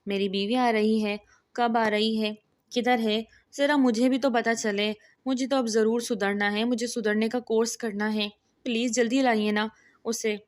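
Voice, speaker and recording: A woman's voice: on the high side, fairly even intonation, natural voice. A woman reading the lines of a mischievous, teasing young man in a storybook, in a cheeky, playful manner.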